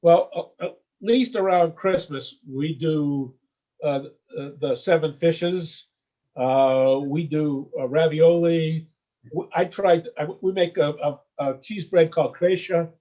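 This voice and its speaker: An American man takes it slowly in a relaxed interview, his fairly high voice wandering warmly from point to point. He caps his sentences with "okay?" and "you know?" over dull audio.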